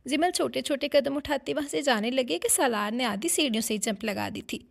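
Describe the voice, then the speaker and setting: A woman narrating a dramatic romance novel in a steady storytelling voice. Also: high-pitched, brisk, gravelly.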